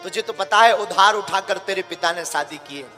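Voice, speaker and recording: A male preacher voicing a poor, loving mother who gently reassures her daughter during a sermon story. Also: high voice, moderate pace, voice pushed down. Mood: tender. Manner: tender, reassuring. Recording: long hall reverb, faint music.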